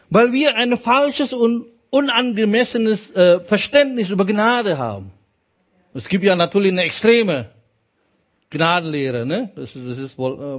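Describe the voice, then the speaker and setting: Slow, emphatic preacher, fairly high voice. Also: male voice. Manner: emphatic, repeats key phrases, asks the congregation "ja?". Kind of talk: sermon.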